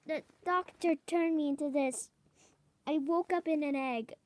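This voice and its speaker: A woman's voice: sits high, measured pace, darkish tone, no echo. A woman voicing a scared little boy who was turned into a baby raptor, in a homemade story. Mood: timid.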